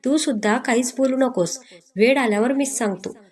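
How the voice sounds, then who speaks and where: A woman's voice: fairly high pitch, moderate pace, darkish tone, lightly acted. A woman voicing a short-tempered young male boss who gives clipped, cold orders and slips into English. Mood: stern. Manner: clipped, cold office commands mixing in English. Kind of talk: storybook reading.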